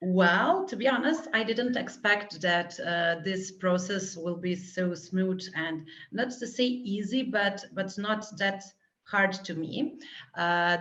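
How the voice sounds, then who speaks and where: A woman's voice: on the low side, fairly bright tone. A woman from Serbia, a guest developer answering interview questions over a remote call, hesitant and full of filler sounds. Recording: muffled lo-fi call audio.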